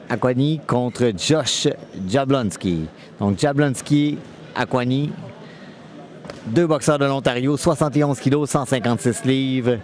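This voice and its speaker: A man's voice: mid-range voice, a little mellow. A man with a Quebec French accent giving conversational live boxing commentary. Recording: event crowd noise behind voice. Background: crowd at boxing event.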